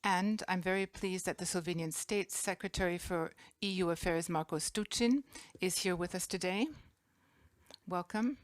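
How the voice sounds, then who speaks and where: Woman, low voice, formal conference welcome, dry close sound. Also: dry recording. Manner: gracious, formal, listing guests with pauses. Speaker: conference host. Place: conference hall.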